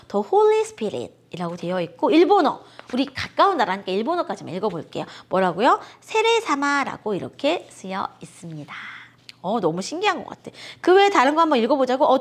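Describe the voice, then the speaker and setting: A woman teaching a children's worship lesson, talking to kids in a bright, sing-song teacher voice. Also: a little high.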